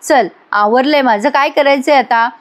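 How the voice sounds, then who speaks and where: A woman's voice: high-pitched, moderate pace, lightly acted. A woman voicing a strict, proud male college professor who scolds and lectures. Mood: stern.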